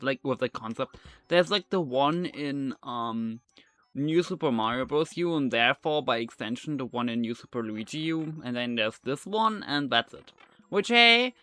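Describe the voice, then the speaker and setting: Streaming live gameplay, a young native German speaker comments in accented English, rambling casually with many fillers and false starts. His medium-pitched voice is bright, forceful, clear, and resonant, with no room sound.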